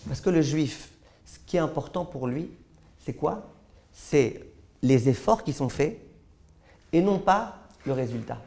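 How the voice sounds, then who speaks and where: A man who is a rabbi teaching a Torah lesson to a live audience, telling stories in a lively way and often stumbling over repeated words. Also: a little high, unhurried, vocal fry, long pauses. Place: class hall with a live audience.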